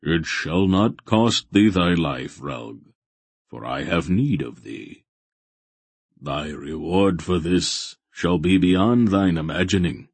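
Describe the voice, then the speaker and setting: In a fantasy storybook, a man performs an ancient, stern deity, issuing archaic commands slowly in a very low, slightly rough voice that stays soft and solemn. The delivery is grave, majestic, expressive, and exaggerated, with a solemn, approving mood and no echo.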